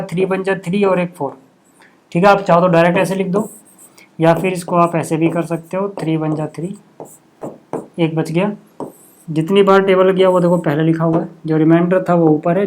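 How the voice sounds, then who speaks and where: A man teaching a maths lesson, working through sums step by step in a casual way and often checking whether it is clear. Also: high voice, slight background noise. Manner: casual, mixes English number words into Hindi.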